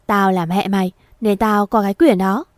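Shrill nagging mom, read by a woman, harsh and loud, dry close sound. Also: fairly even intonation, moderate pace, dry recording, lightly acted. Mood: scolding. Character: shrill sharp-tongued middle-aged mother.

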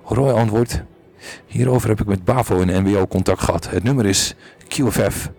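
A man's voice: a little fast, gravelly, darkish tone. A man reading a podcast story aloud, with small slips and restarts, and lifting his voice for the characters. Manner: reads aloud with small slips and restarts, jumps higher for quoted lines. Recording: faint music behind.

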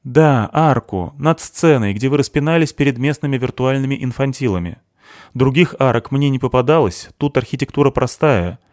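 A man's voice: mid-range voice, normal speed, darkish tone, no room sound, clean studio sound, voice pushed up, natural voice. A man voicing a tense, secretive young woman with terse, grim replies. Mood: terse urgency.

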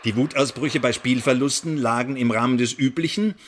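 In a German radio drama, an actor voices a suavely menacing French secret police agent, speaking in a wordy, mock-polite, sardonic way. His male voice is medium-pitched and close to everyday speech, a little fast, with a slight hiss or hum.

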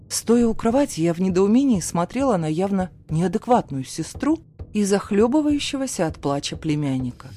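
A woman narrating a novel in the first person in a steady storytelling voice. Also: mid-range voice. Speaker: audiobook narrator.

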